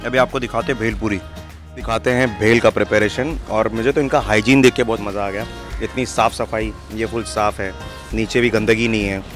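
A young man with a fairly low voice hosts a chatty street food vlog outdoors on a city street. He talks into a small handheld mic and praises the food with eager enthusiasm. Faint music plays softly behind him. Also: steady tone. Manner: chatty, enthusiastic, asks quick questions. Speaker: food vlogger host. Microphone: handheld lapel mic.

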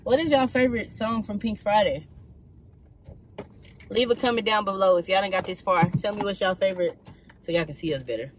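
Young man, chatty and teasing, higher voice, vlogging from the driver's seat. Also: a little fast, pauses often, slight background noise, poor audio. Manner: chatty, teasing, talks straight to viewers. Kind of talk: casual chat while driving. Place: car.

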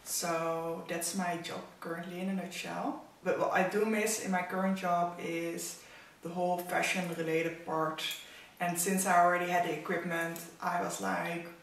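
A young Dutch fashion vlogger, a native speaker from the Netherlands with a Dutch accent, chats casually to camera in her living room, sharing strong opinions about outfits. Her fairly low voice has little pitch movement, vocal fry, and a normal pace. The room is echoey and the mic sits at a distance.

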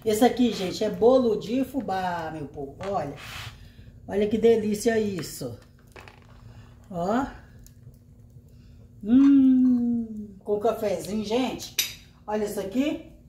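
A woman vlogger chatting casually to her viewers, exclaiming warmly over each gift she unpacks. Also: mid-range voice, animated, slow, pauses often, a little hiss or hum. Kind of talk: casual unboxing chat. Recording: echoey room.

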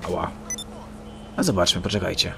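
A man's voice: low voice, moderate pace, gravelly, soft background music. A man giving joking, mock-boastful commentary while playing a game. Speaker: gameplay commentator. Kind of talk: gameplay commentary. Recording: loud game sounds of engines and sirens.

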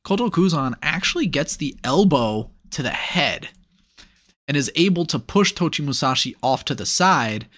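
A man's voice: fairly high pitch, expressive, moderate pace, a bit bright. A man giving a casual, analytical voice-over breakdown of sumo matches, upbeat and with playful asides. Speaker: sumo commentator. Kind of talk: casual play-by-play video breakdown.

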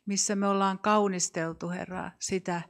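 A woman leading a spoken prayer and sharing a prophetic word, soft and hesitant, with fillers. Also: mid-range voice, little pitch movement. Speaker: prayer leader.

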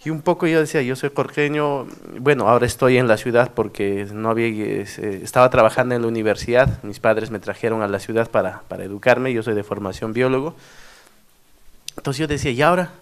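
Guy, middle-aged, ex mayor telling stories at a workshop, normal pitch, keeps adding tag questions. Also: brisk, smooth. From Peru, Cusco region. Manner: animated storyteller with frequent tag questions. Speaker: former district mayor giving a workshop talk. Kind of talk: anecdotal conference talk.

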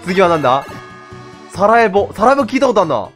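Excitable male game streamer, very high voice, bouncy delivery, background music under him. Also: quick pace. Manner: excitable, laughing, talks to himself. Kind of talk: casual gameplay commentary.

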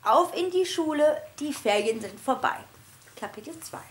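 A woman reads her own children's book aloud in a lively storybook narration. Her voice sits high and stays expressive, with animated shifts in pitch. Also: normal speed, a little hiss or hum.

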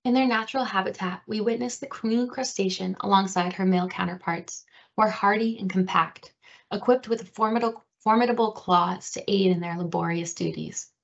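A woman reads documentary-style narration from a script in a husky, gravelly voice. The recording is dull and lo-fi. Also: medium pitch, normal speed. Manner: reads a prepared script, with small restarts.

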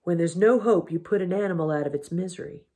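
A woman voicing a gentle, practical frontier man who speaks in a matter-of-fact way, in a husky voice. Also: on the low side, fast talker. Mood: resigned.

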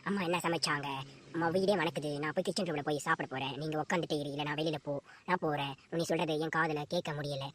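A woman's voice: deep voice, fairly even intonation, fast, voice pushed down. Woman doing a playful young village daughter. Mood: dismissive. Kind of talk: cartoon voice acting.

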